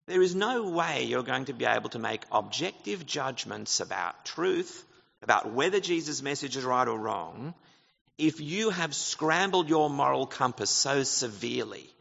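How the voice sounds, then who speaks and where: Guy preaching a sermon, gravelly voice, church reverb, kinda dull lo-fi sound. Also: mid-range voice, expressive, moderate pace, a bit bright. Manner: earnest, explanatory preaching with rhetorical questions. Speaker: pastor.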